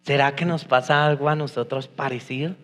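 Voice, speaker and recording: A man's voice: mid-range voice, fairly even intonation, fairly quick, a bit bright. A man preaching a sermon, speaking straight to the congregation and telling personal stories. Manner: personal storytelling, addresses the congregation directly. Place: church hall. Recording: long echo of a church hall.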